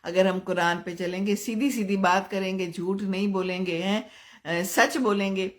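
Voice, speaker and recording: An older woman from Pakistan, hosting a live stream and giving gentle advice while answering viewers' comments. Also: medium pitch, steady tone, normal speed. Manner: gentle, advising, chuckles often.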